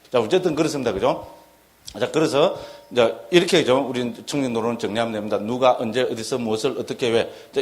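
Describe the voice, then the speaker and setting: Monk lecturing with constant checking questions. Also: male voice. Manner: acts out shouted quotes in a higher voice. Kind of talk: dharma lecture.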